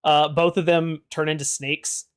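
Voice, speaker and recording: A man running a tabletop game, narrating casually and conversationally as game master, pausing mid-sentence. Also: on the high side, little pitch movement, noisy background.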